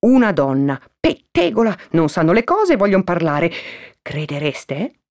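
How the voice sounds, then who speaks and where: A shrewd village mother gossips and coaxes in a confiding tone, as a woman reading aloud voices her. Her voice sits fairly low for a woman. The storybook reading keeps her chatty and sly. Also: sing-song, a little slow, a little mellow. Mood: gossipy.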